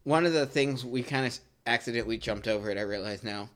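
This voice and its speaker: A man's voice: medium pitch, fast talker, fairly bright tone. A man co-hosting a podcast, chatting casually about movies in a rambling, self-deprecating way. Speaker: podcast co-host.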